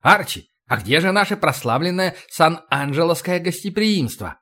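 A man voicing a short, fat, jolly male company manager who talks loudly and effusively in an audiobook. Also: fairly high pitch, expressive, normal speed, voice pushed up, heavily acted. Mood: jovial. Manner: loud, laughing, effusive.

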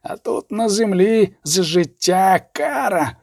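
A man's voice: high voice, slow, no echo, clean studio sound, pitched above the performer's own voice, heavily acted. A man voicing a grim, zealous priest preaching damnation in an audiobook. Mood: condemning. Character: stern zealous male priest, condemning.

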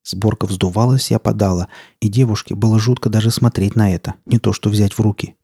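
Gravelly, husky male narrator. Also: on the low side, steady tone, fairly quick, dark tone, dry recording, studio quality. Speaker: audiobook narrator. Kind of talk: scripted narration.

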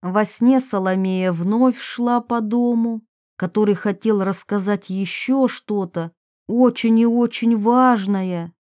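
A woman narrates an audiobook, slow and even. Her voice is dark and mellow. The sound is dry and close. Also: medium pitch, dry recording.

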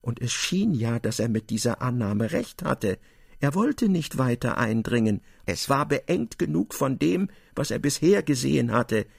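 A man giving expressive scripted narration in a literary radio drama. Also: medium pitch, a little slow, vocal fry, slightly rough, dry recording, studio quality.

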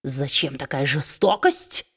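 Brief: sneering low-voiced dwarf man, spiteful and gloating, slow mocking drawl, put on by a woman reading a storybook. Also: lively intonation, breathy edge, full character voice.

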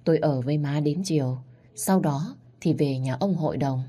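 A woman narrates a first-person audiobook story in a steady, plain way. Her voice sits low for a woman. She tells the story without fuss. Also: moderate pace.

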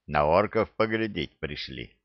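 A man's voice: low voice, animated, a little slow, dry recording, highs cut off. A man voicing a cheerful veteran sergeant with a folksy, plain-spoken way of talking. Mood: hearty. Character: weathered cheerful old male sergeant.

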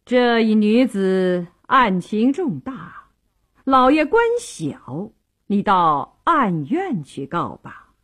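A woman voicing an upright young male county magistrate who speaks in a calm, wry, deliberate way, in a traditional storytelling broadcast. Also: mid-range voice.

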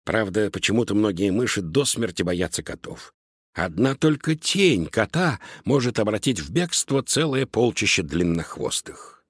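A man narrating a children's storybook in an expressive, lively reading. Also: lowish voice, moderate pace, husky, no room sound, clean studio sound. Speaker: audiobook narrator.

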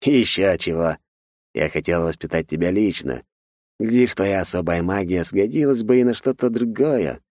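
A man reading an audiobook, voicing a cruel, gloating sorcerer who speaks slowly and mockingly. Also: low-pitched, expressive, a little mellow, no room sound, studio quality. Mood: menacing. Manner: slow, mocking, menacing. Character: cruel grown male sorcerer, gloating and sadistic.

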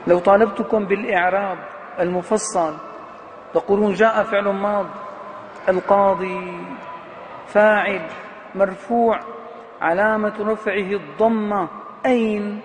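A high-voiced male professor delivers a grammar lecture to his class, repeatedly posing questions to students and answering them himself while stretching out key words for emphasis. He speaks unhurriedly with fairly even intonation and long pauses. His voice rings with a long hall reverb over a faint hiss.

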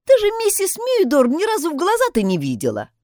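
A woman's voice: very high-pitched, wildly swooping pitch, a little fast, darkish tone, no echo, clean studio sound, voice pushed up, heavily acted. A woman voicing an emphatic, self-assured young housemaid who loves gossip, in an audiobook. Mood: knowing.

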